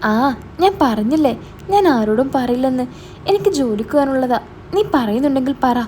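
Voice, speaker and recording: A woman's voice: high voice, lively intonation, fairly quick, mellow, slight background noise. A woman voicing a stern young older brother who scolds and demands answers.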